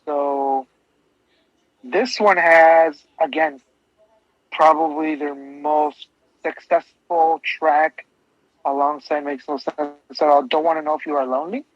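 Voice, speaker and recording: A man co-hosts a podcast, chatting casually and eagerly about albums, rambling and restarting his sentences. His voice sits on the high side with fairly even intonation and a slow pace. The audio is dull and lo-fi, with no room sound.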